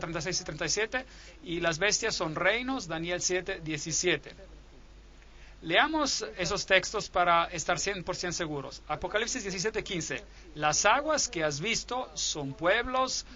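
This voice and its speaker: Preacher, male, high and bright, steady teaching tone, verse reading, muffled lo-fi sound. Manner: steady explanatory delivery, reading Bible verses aloud. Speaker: Bible prophecy lecturer. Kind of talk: sermon lecture.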